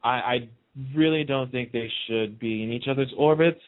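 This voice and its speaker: A man with a mid-range voice speaks at a moderate pace, with slight background noise on a muffled, narrow phone-like line. As a radio show participant, he casually and emphatically weighs in on TV soap storylines.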